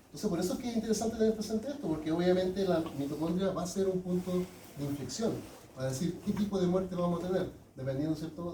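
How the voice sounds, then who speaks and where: A man's voice: high voice, warm tone, a little hiss or hum. A man teaching a class, often checking in with his students. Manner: asks students frequent check-in questions. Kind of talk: classroom lecture. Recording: echoey classroom from far off.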